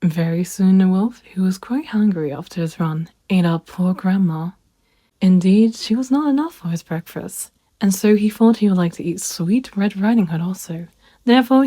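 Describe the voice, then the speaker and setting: A woman storyteller reads a children's fairy tale aloud, gentle and expressive. Her voice is warm and mellow, with a dry, close sound and no room around it. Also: on the low side, no room sound.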